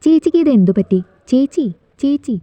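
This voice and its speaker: A woman's voice: sits high, lively intonation, brisk, dark tone, no echo, pitched above the performer's own voice. A woman doing a cheeky schoolboy brother. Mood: teasing.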